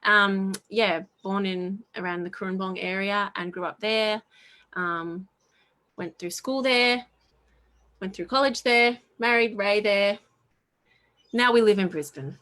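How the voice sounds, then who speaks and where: A woman's voice: medium pitch, measured pace, pushed and bright. A woman, chatting playfully and teasing her husband in a casual interview. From Australia.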